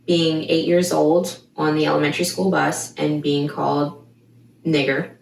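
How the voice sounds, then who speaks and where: A woman in her twenties from Baltimore, giving a measured, reflective personal account to camera. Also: deep voice, little pitch movement, vocal fry, recorded from a distance, noisy background. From Baltimore, Maryland. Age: 20s. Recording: echoey room, voice from off-mic, soft music behind.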